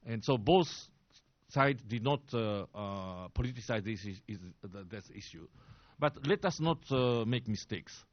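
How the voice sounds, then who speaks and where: Halting Japanese-accented man briefing the press. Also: fairly low pitch, animated. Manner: halting, many fillers and restarts, grows emphatic. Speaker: press briefer, former diplomat. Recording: dull lo-fi sound, dry.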